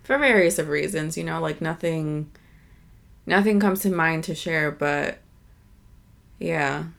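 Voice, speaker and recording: A woman's voice: sits low, unhurried, vocal fry. An American woman co-hosting a podcast with her husband, speaking in a thoughtful, agreeable way with many fillers. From United States. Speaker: podcast co-host. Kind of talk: casual chat.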